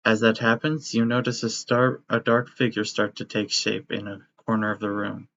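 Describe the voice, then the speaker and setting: A man acting as game master, narrating a tabletop game in a steady, descriptive way. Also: fairly low pitch, moderate pace, a little hiss or hum. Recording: dry, slightly muffled audio.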